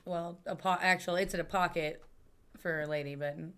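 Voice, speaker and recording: A woman's voice: fairly low pitch, steady tone, fairly quick, fairly bright tone, clean tone. A woman guesting on a podcast, joking crudely and teasing the hosts in casual banter.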